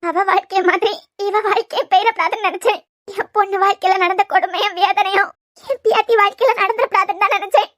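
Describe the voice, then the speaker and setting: A woman's voice: extremely high pitch, fairly even intonation, quick pace. A woman voicing a fretful old grandmother. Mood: fearful. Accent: Kanyakumari Tamil. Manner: soft, coaxing, affectionate. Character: loving old grandmother, gentle and worried. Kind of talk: cartoon serial voice acting.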